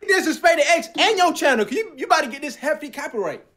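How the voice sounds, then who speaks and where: Talking fast in an extremely high pitch, this young adult guest reacts to amateur rap tracks over a video call from a room indoors. He's animated and loose, swearing a lot and throwing around slang in a rowdy, casual way.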